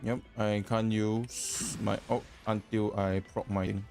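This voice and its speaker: Low-voiced male streamer chatting. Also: level tone, measured pace, vocal fry, darkish tone. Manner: chatty, reacting aloud to the game. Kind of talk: casual gameplay commentary. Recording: voice over game audio and music.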